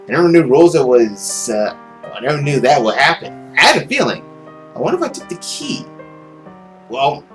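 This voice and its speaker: A young adult man with a fairly bright, rather high voice reads a visual novel aloud as a let's play host, theatrical and suspenseful. He's in a room at home, with game music in the background.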